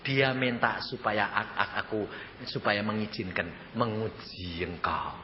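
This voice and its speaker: Gentle divine male voice in a sermon story, soft and calm, voiced by an older man, echoey hall. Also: on the low side, unhurried, slight background noise, lightly acted. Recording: echoey, slightly dull hall recording.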